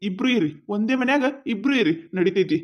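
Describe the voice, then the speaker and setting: A woman's voice: mid-range voice, expressive, brisk, darkish tone, close to an everyday voice. A woman with a North Karnataka Kannada accent voicing a henpecked village husband in a cartoon comedy, pleading and placating. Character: henpecked village husband caught between two women. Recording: dull lo-fi sound.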